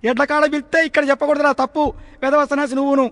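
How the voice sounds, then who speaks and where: A man's voice: very high voice, level tone, very fast, dry recording. A man doing a one-man comic sketch, playing a grumpy village schoolmaster who scolds his pupils, in Telangana Telugu. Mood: scolding. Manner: scolding schoolmaster voice, shouting insults. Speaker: mimicry comedian.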